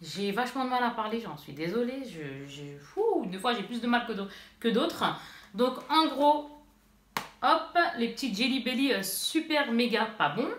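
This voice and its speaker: A woman's voice: on the high side, lively intonation, normal speed, slight background noise. A mother chatting casually through an unboxing vlog in her bedroom, rambling and talking straight to her viewers. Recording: echoey room.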